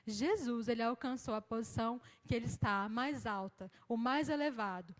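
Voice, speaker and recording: High-voiced Brazilian woman preaching in a hall. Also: normal speed. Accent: Brazilian Portuguese. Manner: lively and conversational, acts out quoted people. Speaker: minister preaching. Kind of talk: sermon. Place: church hall. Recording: long hall reverb.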